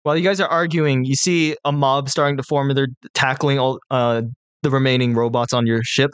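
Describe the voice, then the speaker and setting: A man improvising narration as a tabletop game master, haltingly searching for words. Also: medium pitch, steady tone, clear, resonant tone, dry recording.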